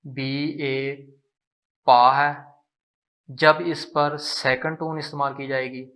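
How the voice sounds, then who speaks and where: A man teaching a language lesson, explaining slowly and patiently and repeating syllables to demonstrate them. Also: mid-range voice, flat delivery, sharp tone. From Pakistan.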